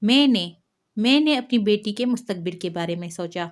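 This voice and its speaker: A woman's voice: medium pitch, animated, lightly acted. A woman voicing a resentful middle-aged noblewoman and mother who speaks bitterly. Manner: bitter, complaining.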